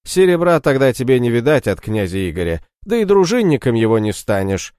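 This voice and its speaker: A man's voice: medium pitch, very animated, fairly quick, a little mellow, smooth, no room sound, studio quality, close to an everyday voice. A man voicing a sly, mocking male captive healer who taunts his captors in an audiobook story. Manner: taunting, scornful.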